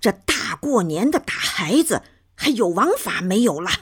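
A woman's voice: low voice, sing-song, takes it slowly, darkish tone, breathy edge, heavily acted. A woman voicing a stubborn old grandmother from the countryside who answers back with blunt, folksy retorts. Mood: scolding.

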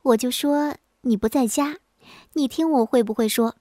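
A woman voicing a jealous, blunt, dim-witted young wife in a storybook tale, speaking sharp and stubborn. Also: sits high, moderate pace, no room sound, studio quality. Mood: scornful.

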